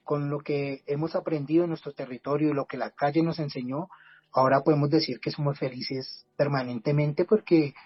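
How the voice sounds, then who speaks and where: Speaking as a podcast guest and community project leader, this man from Bogotá gives an earnest, reflective personal testimony in a Colombian accent, frequently starting his words over. His voice sits on the high side with some breathiness. The audio is dull but free of echo.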